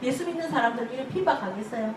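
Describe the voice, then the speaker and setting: An older woman pastor, preaching an animated sermon full of stories, acting out church members' voices and laughing often. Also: a little high, rapid-fire. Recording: echoey hall from far off, noisy ambience.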